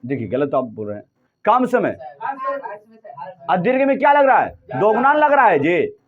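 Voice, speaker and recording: Male teacher, high and animated voice, quizzes the class over and over. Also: normal speed, narrow, tinny audio. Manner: drills students with repeated questions. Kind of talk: classroom lesson.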